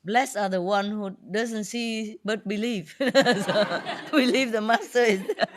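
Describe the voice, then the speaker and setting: A woman's voice: mid-range voice, unhurried, background noise. A woman spiritual teacher chatting casually with a gathering, playful and laughing often, in broken English.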